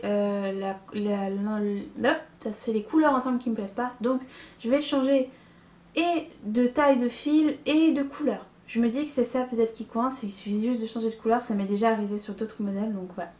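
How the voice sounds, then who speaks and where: With a fairly high, slightly mellow voice at a normal pace, this young knitting podcaster walks through her yarn haul in a casual chat. Fillers and little laughs pop up often.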